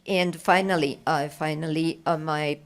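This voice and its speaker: Low, gravelly-voiced woman, hesitant conference questioner. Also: steady tone, measured pace. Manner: hesitant, many fillers, lightly humorous. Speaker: panel participant asking questions. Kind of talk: conference discussion. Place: conference room.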